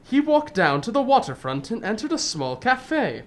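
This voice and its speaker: A woman playing a loyal, modest gentleman doctor, earnest and measured in telling things, in an old-time radio drama. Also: fairly high pitch, very animated.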